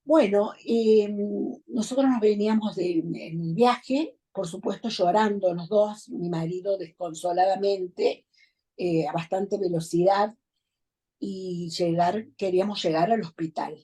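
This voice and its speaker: A middle-aged woman with an Argentine accent tells her own story in a testimonial interview. Her voice is mellow and warm, at an ordinary pitch for a woman. She speaks in a measured, reflective way, pausing often and leaning on small fillers. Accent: Argentine Spanish. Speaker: bereaved mother giving testimony.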